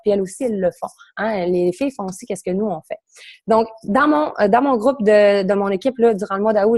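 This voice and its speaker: Fast-talking Quebec French woman. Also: medium pitch, a little mellow. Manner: fast, rambling, self-correcting. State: something in her throat, coughing. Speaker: network marketing coach sharing her experience. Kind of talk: round-table testimony, casual.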